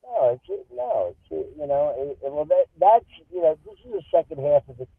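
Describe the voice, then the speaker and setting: A man talking as a remote guest on a political chat show, halting with many restarts, over a garbled, breaking-up line. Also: on the high side, sing-song, creaky, husky, no room sound. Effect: breaking-up, garbled remote audio line. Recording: tinny, distorted remote call line.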